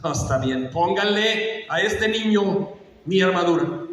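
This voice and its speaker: A man's voice: high voice, unhurried. A man voicing a doubtful, dismissive King Saul. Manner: dismissive, flat refusals. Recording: echoey church hall, mic far off.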